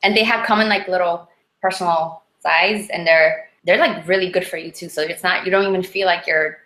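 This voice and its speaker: A woman with a Polish accent chatting casually and informally, in an animated, rambling way, as an interview guest. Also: lowish voice, a little fast. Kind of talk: casual chat about diet. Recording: echoey, roomy sound.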